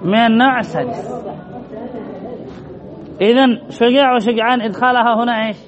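A man teaching an Arabic grammar lesson, reading a text and explaining it slowly and methodically, asking questions and answering them himself. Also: very high voice, a crowd in the background. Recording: dull lo-fi class recording with faint noise.

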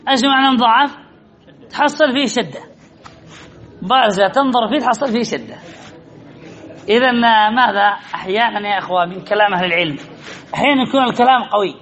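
A man teaching a class, asking quick questions and answering them himself while repeating key points. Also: very high voice, a bit bright. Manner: quizzes listeners and answers his own questions. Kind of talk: classroom lesson.

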